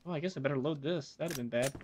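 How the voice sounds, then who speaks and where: A man's voice: a little high, rapid-fire, background noise. A man chatting casually while playing a co-op game, joking and swearing with his partner. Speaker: gamer.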